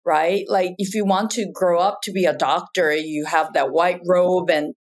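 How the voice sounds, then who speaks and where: A woman's voice: lowish voice, steady tone, normal speed. A woman from Japan speaking as a podcast guest, talking in a reflective way with frequent "you know" and "in terms of". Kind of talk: casual conversation.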